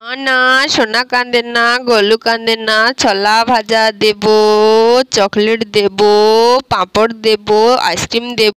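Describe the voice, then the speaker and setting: A woman's voice: on the high side, steady tone, moderate pace, fairly bright tone, clean tone, dry recording. Coaxing woman narrating a doll story. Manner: coaxing, scolding, motherly chatter. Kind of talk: doll-play story narration with character voices.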